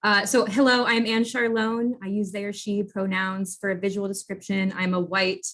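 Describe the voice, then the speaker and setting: A young woman in her late twenties talks over a video call as she closes a panel and hosts the event. Her tone is warm, grateful and bubbly, and her voice sits at a middle pitch. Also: little pitch movement, moderate pace. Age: 20s. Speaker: event production manager and conference host. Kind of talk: online panel hosting.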